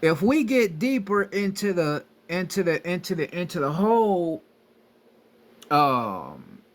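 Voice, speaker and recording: A young man, a spiritual teacher, gives a casual, profane, street-style lecture on spiritual ideas, speaking emphatically and repeating himself. His voice is high and slow, with big pitch swings.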